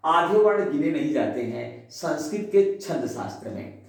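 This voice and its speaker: A man teaching a Sanskrit lesson. He explains patiently, counts syllables aloud, checks that his listeners follow, and chants the verse slowly in a singing tune. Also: a little high, animated. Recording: very echoey room, voice from a distance.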